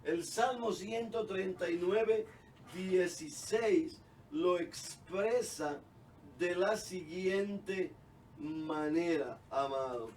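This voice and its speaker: A man's voice: high voice, a little mellow, recorded from a distance, a little hiss or hum. A middle-aged man preaching a sermon as pastor, fervent, drawing out the ends of his phrases and calling his listeners "beloved". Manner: fervent preaching, drawn-out phrase endings, calls listeners "amado".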